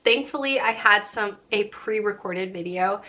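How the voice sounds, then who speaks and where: This young woman hosts a crochet vlog and chats informally with viewers in a medium-pitched voice that sounds pushed and bright. Her pace is moderate.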